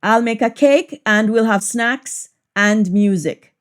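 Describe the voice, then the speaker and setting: Female language teacher, Jamaican Patois, slightly high voice, very unhurried, repeats example sentences deliberately. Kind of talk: Jamaican Patois lesson, practice sentences said in English then repeated in Patois.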